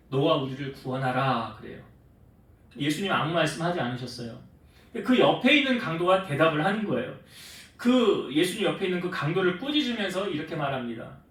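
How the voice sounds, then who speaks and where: A man preaching in a church, his voice high and swinging up and down a lot as he talks easily with the congregation and keeps asking them questions. He is heard from some distance in a strongly echoing sanctuary. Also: big pitch swings, a little fast, fairly bright tone. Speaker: pastor. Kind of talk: sermon.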